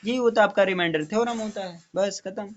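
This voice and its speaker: A man's voice: sits high, fast, lo-fi sound. A male tutor teaching maths to a student, explaining step by step and checking in often. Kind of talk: classroom maths lesson.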